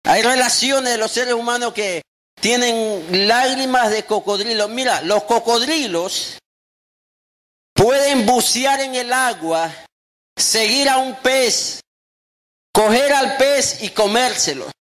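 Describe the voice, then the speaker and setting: A pastor preaching in a very high male voice, taking his time with each phrase. He is emphatic, acts out what people say, and now and then rises to a shout. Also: slow pace. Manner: emphatic preaching, acting out quotes and rising to shouts. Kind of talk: sermon.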